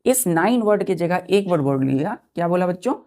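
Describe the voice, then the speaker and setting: A woman's voice: fairly low pitch, lively intonation, a little fast, warm tone. A woman teaching a vocabulary lesson, spelling words letter by letter and patiently repeating them for children.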